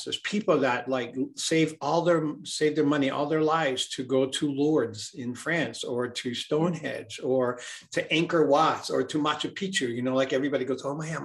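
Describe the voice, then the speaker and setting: This interview guest is a healer from Hawaii whose slightly high voice carries vocal fry. His manner is earnest and reflective, and he tends to repeat words as he hunts for what to say.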